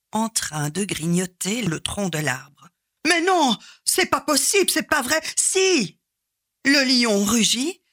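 Woman, storyteller, husky voice, unhurried, expressive, dramatic pauses, repeated refrains. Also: fairly high pitch, no room sound, clean studio sound. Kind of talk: storytelling performance of a folk tale.

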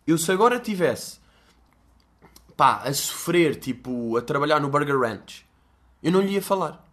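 This young host, with a European Portuguese accent, has a slightly high, fairly bright voice that's very animated yet unhurried. His casual solo podcast is rambling and self-deprecating, peppered with profanity.

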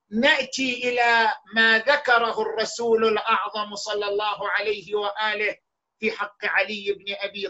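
A man delivers a sermon in a bright, forceful voice. His delivery is declamatory, with slow stressed words and sudden raised outbursts. The recording is dull and lo-fi. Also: sits high. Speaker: preacher.

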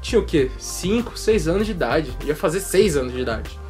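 A man in casual chat, lively and exclamatory as he starts his story. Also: fairly high pitch, a little fast, over music.

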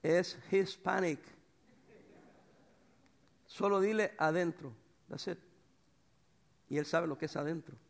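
A middle-aged man preaching a sermon as pastor, swinging between loud bursts and soft, tender passages. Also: high-pitched, takes it slowly, vocal fry, long pauses. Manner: animated preacher, swings from shouts to soft tones.

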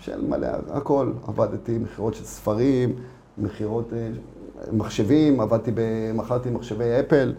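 A man's voice: medium pitch, vocal fry, warm tone, a little hiss or hum. A middle-aged man with an Israeli accent, speaking informally and repeating himself as he tells his story in an interview. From Israel, immigrated from Latvia at age four. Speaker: interview guest, startup founder. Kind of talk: casual conversational interview.

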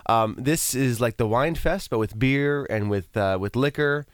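A hoarse man hosts a casual radio chat from a studio microphone. He rambles through plenty of fillers and restarts, in a middling voice. The sound is close and dry. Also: medium pitch, a little slow, no room sound. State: hoarse voice after a concert. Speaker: radio show host and real estate broker.

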